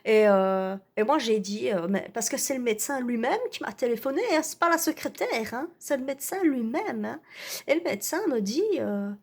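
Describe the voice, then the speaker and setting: A woman doing a self-righteous, indignant lady, ranting in a satirical video. Her voice sits a little high, and she stalls on fillers and tag words as she complains. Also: expressive, normal speed, darkish tone, husky. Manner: hesitant, full of "euh" and "hein". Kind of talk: ironic satirical rant to camera.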